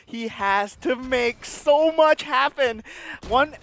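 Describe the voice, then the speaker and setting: A man doing excited color commentary on an esports match, reacting loudly to big plays. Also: very high voice, slow pace, vocal fry, a little hiss or hum. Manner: animated, exclamatory reactions. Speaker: esports co-caster.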